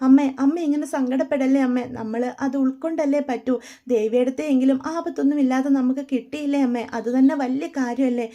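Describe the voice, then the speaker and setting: Level-headed young daughter calming her mom, woman voicing, high mellow voice. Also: fairly quick, muffled recording, close to an everyday voice. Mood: calm reasoning. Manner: calm, reasoning.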